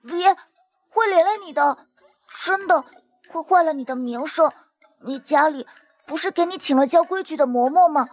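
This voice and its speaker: A woman's voice: sits high, very slow, long pauses, dark tone, faint music behind, exaggerated voice. Woman voicing a timid crybaby little boy. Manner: timid, pleading, hesitant.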